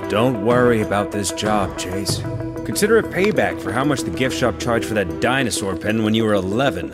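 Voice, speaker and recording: An eager goofy cartoon cop. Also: male voice, on the low side, sing-song, normal speed, over loud music. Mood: teasing. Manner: eager, bumbling.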